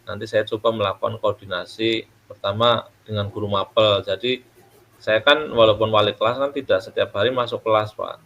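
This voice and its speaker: A man's voice: fairly low pitch, fairly even intonation, fairly quick, a bit bright, highs cut off, a little hiss or hum. A man, a teacher in a coaching role-play, talking deferentially and thanking his colleague, with some hesitation.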